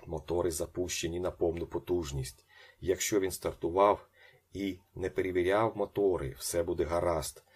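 A man reading a story aloud as an audiobook narrator, acting out the shouted lines and dropping to a slow hush. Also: sits low, slightly rough.

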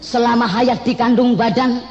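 An actor with a Javanese accent playing an earnest, sentimental young husband in a comic stage drama, with hammy, grandiloquent declamation. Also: male voice, very high voice, flat delivery, normal speed, muffled recording, a crowd in the background. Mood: grandiloquent wooing. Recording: echoey hall, long reverb.

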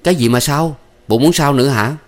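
A man voicing a young man with a Southern Vietnamese accent, awkward, evasive and hurried. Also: medium pitch, voice pushed up, natural voice. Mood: uneasy. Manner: hurried, uneasy.

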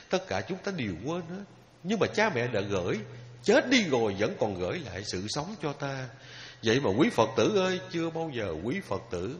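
Male Buddhist monk, emotional sermon, lively rising and falling voice, dull lo-fi recording, long hall echo. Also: mid-range voice. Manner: emotional storytelling, drawn-out pauses, addresses listeners directly. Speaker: Buddhist monk giving a dharma talk. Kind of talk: sermon with storytelling. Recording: lo-fi recording with long hall reverb, faint noise.

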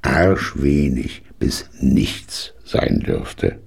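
A cautious, doubtful card player who weighs his words, speaking in a deep, gravelly, husky voice, as a man reads him aloud. His tone is measured, as in an audiobook. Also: big pitch swings, a little mellow, exaggerated voice. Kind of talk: audiobook reading.

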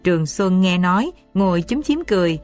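A woman narrating an old story in a calm, measured reading. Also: on the low side. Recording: dry close recording with soft music.

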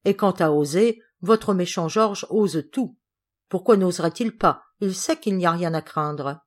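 Audiobook lady cousin, prim and indignant, read by a woman, low-pitched. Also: a little slow. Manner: indignant, accusing, precise. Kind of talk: audiobook character reading.

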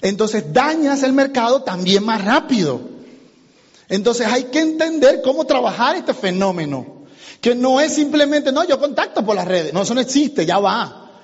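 High-voiced husky man speaking in a hall. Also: unhurried. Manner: animated, addresses the audience, acts out conversations. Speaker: business trainer. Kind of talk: motivational seminar talk. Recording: muffled lo-fi recording in a reverberant hall.

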